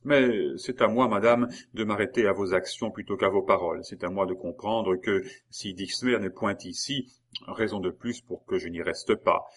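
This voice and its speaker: A man's voice: lowish voice, moderate pace, lightly acted. A man reading aloud, voicing a jealous, ardent young man in love with an intense, earnest delivery. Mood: reproachful. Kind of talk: audiobook character voice.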